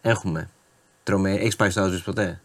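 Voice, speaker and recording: Low-voiced man, wry co-host. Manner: wry, ironic, pushes back calmly. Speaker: radio co-host. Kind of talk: casual talk and event recommendations.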